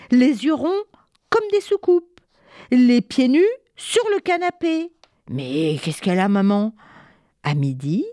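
A woman narrating a children's story, animated and speaking straight to young listeners. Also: medium pitch, no room sound, clean studio sound.

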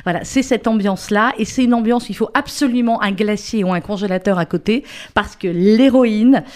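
A woman, a radio columnist, giving a talkative, lively book recommendation on the air. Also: medium pitch, a little fast. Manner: lively, talkative, animated storytelling.

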